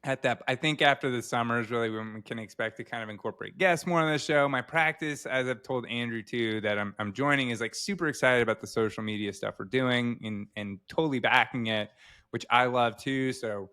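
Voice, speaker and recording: Male podcast co-host, bright voice, animated, rambling casual chat. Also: mid-range voice, fairly quick, clean tone. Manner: rambling, filler-heavy, animated.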